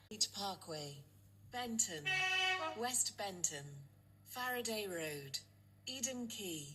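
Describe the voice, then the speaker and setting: A woman's voice: medium pitch, expressive, takes it slowly, sharp tone, a little hiss or hum, rough recording. A woman's recorded train announcements, built from spliced-together words read out as a list of stops. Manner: clipped, evenly paced list of stops. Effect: spliced-together words, stitched from separate recordings.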